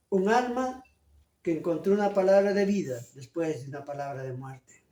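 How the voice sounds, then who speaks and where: A man's voice: on the high side, unhurried, warm tone. An older male pastor delivers a sermon with emphatic, earnest preaching. He keeps turning to his congregation with questions. His voice carries the roomy echo of a church hall.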